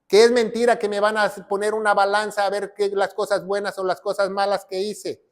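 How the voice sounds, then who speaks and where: High-voiced emphatic preacher man. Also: little pitch movement, fairly quick. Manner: emphatic preaching, repeats phrases, quotes scripture. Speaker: pastor. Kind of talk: sermon teaching.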